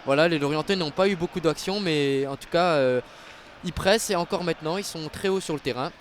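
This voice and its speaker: Male live sports commentator, higher register, excitable on big plays, light outdoor background noise. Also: a little fast. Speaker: football match commentator.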